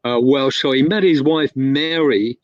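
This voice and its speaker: Speaking a little slowly in a medium pitch, a man recounts a long anecdote as a guest, meandering casually and often correcting himself or starting over amid fillers. The lo-fi recording is dull and dry, without echo.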